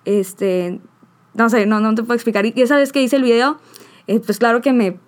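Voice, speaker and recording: A woman's voice: on the high side, fairly even intonation, moderate pace. A young woman hosting a podcast, talking heartfelt and rambling. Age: young adult. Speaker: podcast host. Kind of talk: emotional podcast chat.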